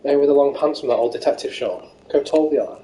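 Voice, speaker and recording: A man's voice: medium pitch, fast talker, a loud crowd, rough recording. A man casually chatting and joking while playing a detective game, swearing now and then. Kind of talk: casual gameplay chat.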